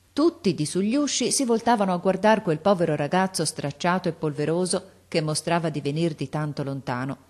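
A woman narrating a classic story in an expressive, measured way. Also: on the low side. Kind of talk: audiobook narration of a classic novel.

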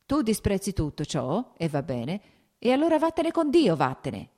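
A woman voicing a bitter, ailing man who argues in agitated, shouting outbursts, read as an audiobook character. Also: on the low side, expressive, normal speed, lightly acted. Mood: heated.

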